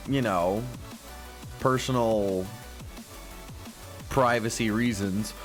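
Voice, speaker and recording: A man's voice: fairly low pitch, very slow. A man giving casual, rambling gameplay commentary with a self-deprecating streak, his voice cracking in the morning. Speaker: gaming YouTuber. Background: faint music stream.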